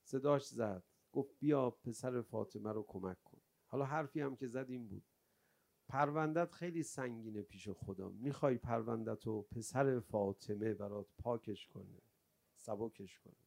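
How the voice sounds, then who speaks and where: A male preacher telling a religious story in a sermon, rising from quiet storytelling into loud, lamenting cries. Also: mid-range voice, gravelly. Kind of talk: Shia mourning sermon.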